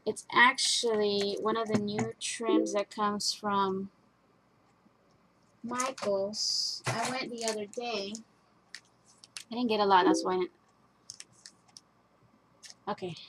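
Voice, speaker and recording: A woman's voice: mid-range voice, fairly even intonation, slow, pauses often, noisy background. A woman talking casually at her craft desk, chatty and rambling with fillers as she walks through a project. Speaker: craft vlogger.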